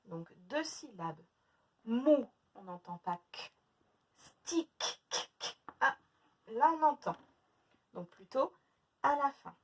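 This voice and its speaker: Slow, drawn-out schoolteacher woman. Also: a little high, big pitch swings, recorded from a distance. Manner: slow, drawn-out syllables, repeats words. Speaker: teacher. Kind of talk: phonics lesson for young children.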